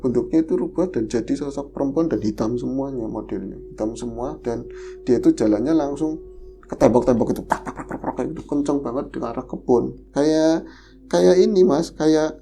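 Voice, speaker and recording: A man tells a personal horror experience as a podcast guest. He retells it in a lively, fearful way. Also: mid-range voice, creaky, slight background noise. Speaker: guest storyteller.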